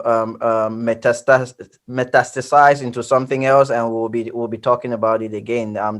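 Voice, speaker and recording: A man moderating a panel, thanking guests and closing, halting with many fillers. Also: mid-range voice.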